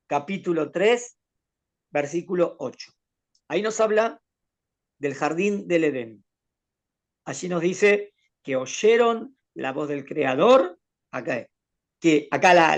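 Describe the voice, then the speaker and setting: A rabbi teaching a Torah class to a student, explaining patiently and posing questions as he goes. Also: fairly high pitch. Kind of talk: conversational Torah lesson with a student.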